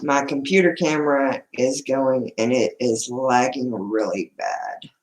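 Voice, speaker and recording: This woman has a bass voice, steady in tone and a little mellow, and she speaks unhurriedly with a Southern US accent. As host of a home livestream, she chats casually and folksily, greeting her viewers. The sound comes from a laptop in an echoey indoor room at home.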